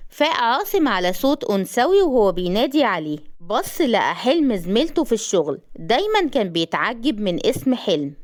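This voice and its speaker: Egyptian woman storyteller, quick and dramatic with a very animated voice, reads a romance serial. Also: medium pitch. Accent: Egyptian Arabic. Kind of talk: scripted story narration.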